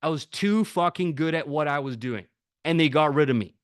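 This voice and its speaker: A man in his thirties telling stories from his working life in a casual, animated way, swearing often and laughing as he goes. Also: fairly high pitch, brisk, clear, resonant tone, dry recording, clean studio sound. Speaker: podcast guest. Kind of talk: casual storytelling.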